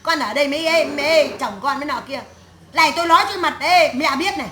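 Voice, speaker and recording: A woman's voice: sits high, quick pace, pushed and bright, slight background noise. A woman medium voicing the spirit of a stern old great-grandmother in a séance, scolding her family in a harsh, crude tirade full of curses. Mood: ranting. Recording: echoey room.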